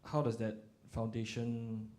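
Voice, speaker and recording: A man moderating a panel, asking questions politely with some halting restarts. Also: medium pitch, flat delivery, dark tone, a little hiss or hum.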